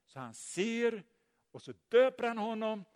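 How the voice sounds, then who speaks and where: A man preaching a sermon, telling the story in a lively way and putting questions to his listeners. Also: high voice. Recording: long hall reverb.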